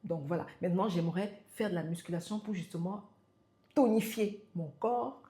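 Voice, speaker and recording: A motivational coach in her forties offers self-help advice to camera in a fairly low, warm voice at normal speed. She is insistent, repeating her points for emphasis and addressing the viewer directly as "tu." The sound is roomy.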